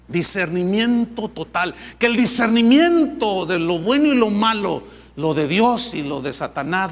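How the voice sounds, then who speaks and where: Male pastor, high voice, emphatic conversational sermon with mocking asides. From Mexico. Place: church with a live congregation.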